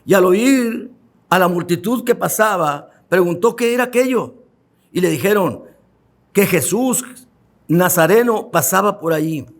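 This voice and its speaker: A man pastor preaching a sermon with fervor, repeating phrases for emphasis, speaking directly to the listeners and drawing out key words slowly. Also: high-pitched, expressive. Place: church.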